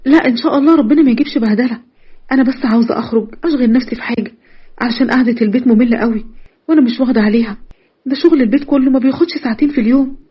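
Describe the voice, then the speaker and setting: A young Egyptian woman weighed down by a secret, as a woman narrator puts her on. Her voice sits fairly high and breathy, quick and pleading. The recording is dull and lo-fi. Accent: Egyptian Arabic. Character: young woman, troubled elder sister with a secret.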